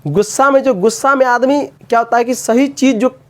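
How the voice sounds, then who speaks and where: A man's voice: extremely high pitch, brisk. A man teaching a coaching class, often asking students questions and repeating the answers.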